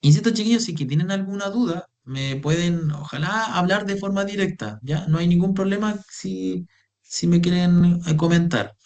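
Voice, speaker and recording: A man's voice: high voice, moderate pace, darkish tone. A young man teaching an online spreadsheet class, patiently repeating himself as he explains. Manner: patient, repeats phrases, calls students "chiquillos". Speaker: Excel workshop instructor.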